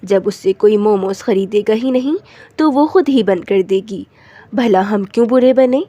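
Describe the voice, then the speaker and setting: A woman's voice: medium pitch, normal speed, warm tone, pitched below the performer's own voice, close to an everyday voice. A woman voicing a rude, scornful young daughter-in-law in a cartoon story, talking harshly. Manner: harsh and insulting.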